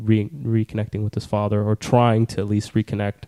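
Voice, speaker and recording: A man's voice: fairly low pitch, monotone, brisk, mellow, clear, resonant tone, dry recording, clean studio sound. A young man hosting a podcast, chatting casually and rambling about a film he liked, swearing now and then. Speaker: podcast host. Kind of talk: casual film review chat.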